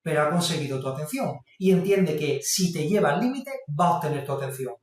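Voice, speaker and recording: A man giving a parenting workshop, explaining calmly and speaking straight to the listener. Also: on the high side, fairly quick. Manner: calm, explanatory, addresses the listener directly. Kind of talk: instructional talk to camera. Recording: very echoey room, mic at a distance.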